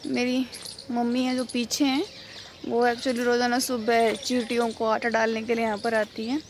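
Young woman, rambling vlog to camera, flat tone, noisy outdoor phone recording. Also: a little high, moderate pace. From India. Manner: chatty, rambling, filler-heavy. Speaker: vlogger. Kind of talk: casual vlog talk to camera. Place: outdoors on a quiet railway colony road. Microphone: phone held at arm's length.

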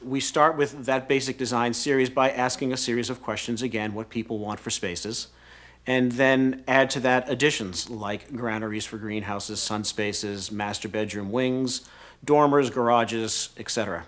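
A man's voice: medium pitch, fairly even intonation, moderate pace, a bit bright. A male home designer explaining his process in an interview, listing items and trailing off.

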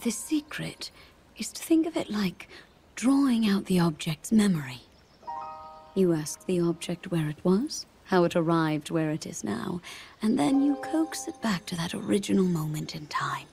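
Gracious soft-spoken game queen, lowish calm measured voice, music behind her. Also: vocal fry. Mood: calm, caring. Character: gentle, perceptive queen with time powers, serene adult. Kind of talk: video game cutscene acting.

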